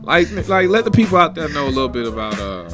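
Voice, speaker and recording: A man's voice: a little high, very animated, quick pace. A man hosting a casual internet radio talk show, with laid-back, hyped banter. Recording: music bed under the voice.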